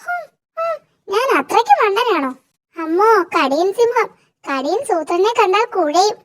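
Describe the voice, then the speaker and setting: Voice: extremely high pitch, big pitch swings, unhurried, full character voice. A performer voicing cheeky, scheming cartoon jungle animals in a playful, giggling, sly way. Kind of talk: cartoon voice acting.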